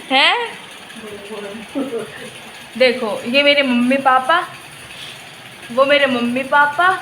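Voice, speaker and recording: Chatty high-voiced young woman vlogger. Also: sharp tone, a little hiss or hum, rough recording. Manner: chatty, laughs often, talks to viewers and to a cow. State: unwell, tired. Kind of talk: casual home vlog. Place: indoors and in yard of a home.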